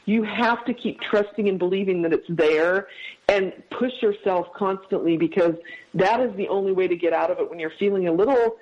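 A man as a podcast guest, telling a personal story in a heartfelt, halting way with many restarts. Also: high voice. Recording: dull lo-fi sound.

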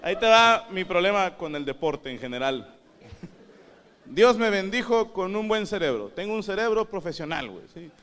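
A man with a northern Mexican accent performs a stand-up routine, crude and self-mocking, and acts out the voices he quotes. His voice sits high for a man and swings up and down expressively. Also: very animated, moderate pace, fairly bright tone, clear, resonant tone, a faint crowd. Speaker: stand-up comedian. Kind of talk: stand-up comedy monologue.

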